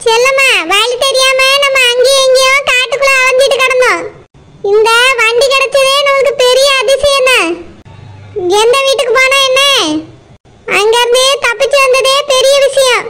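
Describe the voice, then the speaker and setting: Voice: extremely high pitch, flat delivery, moderate pace, bright, forceful tone. A voice actor playing a weary village woman in a cartoon, speaking in a matter-of-fact way with a southern Tamil Nadu village accent.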